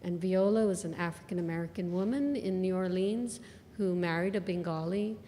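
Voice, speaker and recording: A woman from Bangladesh, an artist, talking about her work in a live on-stage interview with thoughtful pauses between phrases. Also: on the low side, mellow, big-room sound, a little hiss or hum.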